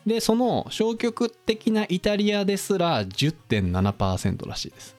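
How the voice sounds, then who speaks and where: A man's voice: high voice, normal speed, soft background music. A man hosting a casual podcast, explaining topics to his co-host in a chatty, quizzing manner. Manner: lively, quizzes his co-host, drops into playful impressions.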